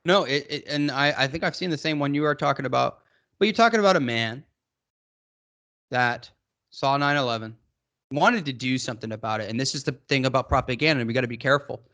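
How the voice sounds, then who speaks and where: With a medium-pitched, fairly bright voice and a fast delivery, a man in his late twenties shares rambling, emphatic views as a podcast co-host. He comes from Massachusetts, United States, and the discussion is casual.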